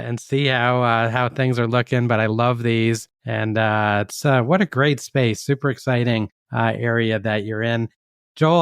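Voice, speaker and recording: A man's voice: mid-range voice, fairly bright tone, smooth, no echo, studio quality. A man hosting a podcast, asking friendly questions with many "uh" fillers and reading a sponsor message. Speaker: podcast host. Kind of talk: interview hosting and ad read.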